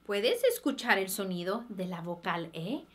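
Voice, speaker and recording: A woman's voice: medium pitch, lively intonation, measured pace, fairly bright tone. A woman teaching Spanish words to babies and toddlers, with bouncy, giggly baby talk and playful animal sounds. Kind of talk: slow, sing-song teaching for babies.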